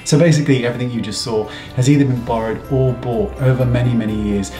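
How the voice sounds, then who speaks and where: A man's voice: medium pitch, fairly even intonation, fast. Wry chatty man in a roomy room. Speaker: vlogger. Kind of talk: casual chat to camera. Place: home living room, indoors. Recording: roomy echo, faint music behind.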